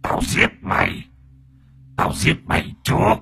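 A man's voice: a little slow, bright, forceful tone. A man voicing a vengeful female spirit possessing a woman, speaking in a menacing, hissing half-whisper. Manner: menacing, threatening.

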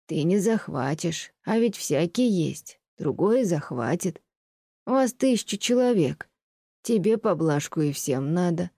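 A fretful old landowner lady over sixty, lonely and reproachful, speaking in a slow, plaintive scolding tone, as a woman reader puts her on. Her voice sits low and mellow, and the recording is close and dry. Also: expressive, breathy edge, dry recording, exaggerated voice. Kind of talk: audiobook reading of classic prose.

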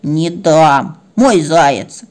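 A woman's voice: low voice, animated, darkish tone, voice pushed down, exaggerated voice. A woman doing a sulky stubborn big dog. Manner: slow, sulky, drawn-out. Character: big young male dog, jealous and stubborn.

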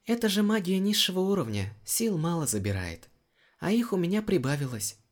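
A male audiobook reader voicing a cheerful, lively young woman healer. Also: high-pitched, a little fast, voice pushed up. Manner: bright, lively, reassuring.

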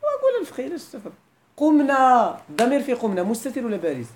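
Moroccan woman teacher, high voice with a lot of lift and fall, fires questions at the class. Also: wildly swooping pitch, very fast, a little mellow, slight background noise. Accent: Moroccan Arabic. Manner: quizzes the class with frequent questions. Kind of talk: classroom grammar lesson.

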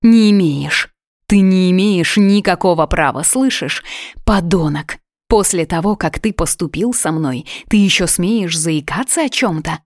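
A distraught young mother shouts back, shaking with anger and tears, as a woman narrator puts her on. The voice jumps well above the narrator's low register and gets loud. It is a dry, close storybook reading. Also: unhurried, no room sound. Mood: furious tearful. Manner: shouting, trembling with rage and tears.

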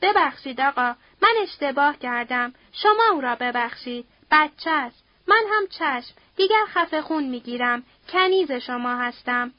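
A woman's voice: high-pitched, animated, hardly any pauses, dry recording. A woman voicing a frightened, humble mother begging for mercy in a story reading, recorded dry and dull. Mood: pleading desperate. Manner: pleading, submissive, tearful.

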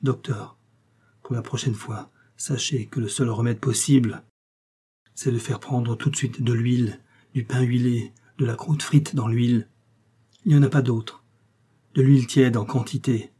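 Dying villain, feverish and gloating, shouting his triumph, read by a man; husky, storybook audiobook. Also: mid-range voice, steady tone, unhurried. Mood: grim. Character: dying, vengeful male criminal, gloating and feverish.

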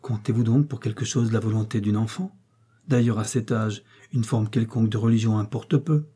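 Haughty icy prince, read by a man, dark husky voice, bossy and sarcastic, audiobook. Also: on the low side, a little fast. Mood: cold, commanding. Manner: commanding, cutting and sarcastic. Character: haughty domineering male prince, coldly ironic.

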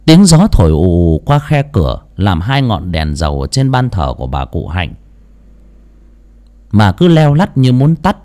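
A man narrating an audiobook story in an expressive storytelling manner. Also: fairly low pitch, unhurried.

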